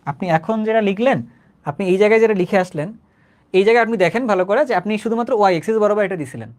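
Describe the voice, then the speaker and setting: Fast-talking young Bangladeshi chemistry teacher. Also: male voice, high voice. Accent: Bangladeshi Bengali. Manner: conversational, keeps checking if students understood; says he talks slowly, repeats himself. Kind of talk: live online class.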